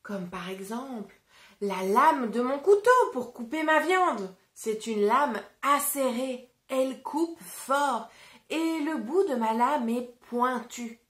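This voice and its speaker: A woman reading a storybook aloud to children and leading a phonics lesson, slow and clearly articulated. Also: a little high. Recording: roomy echo.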